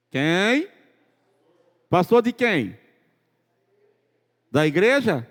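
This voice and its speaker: A male pastor preaching a sermon in a church, firing rhetorical questions at the congregation. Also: fairly high pitch. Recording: church sermon with long hall reverb.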